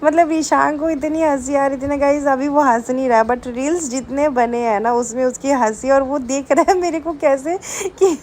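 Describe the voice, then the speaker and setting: A woman's voice: high voice, normal speed, few pauses, darkish tone, a little hiss or hum. A young woman from India chatting casually to her viewers in a home vlog. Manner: chatty, addresses viewers as guys. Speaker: vlogger.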